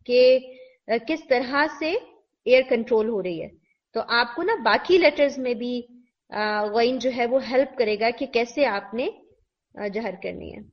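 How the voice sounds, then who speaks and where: A woman teacher, giving a recorded pronunciation lesson, patiently demonstrating sounds and repeating examples slowly. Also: on the high side. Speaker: tajweed teacher. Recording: dull lo-fi recording.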